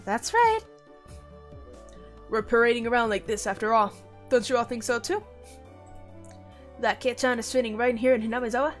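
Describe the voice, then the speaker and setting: A woman voicing a cheerful, bubbly teenage girl in a visual novel, in a high, squeaky chirp. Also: expressive, normal speed, pauses often, faint music behind, lightly acted. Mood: proud.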